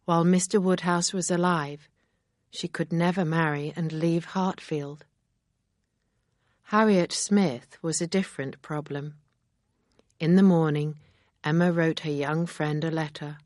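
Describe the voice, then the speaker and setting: A woman narrating a story in a slow, clear, measured reading style. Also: low-pitched, fairly even intonation, a little mellow, dry recording, studio quality.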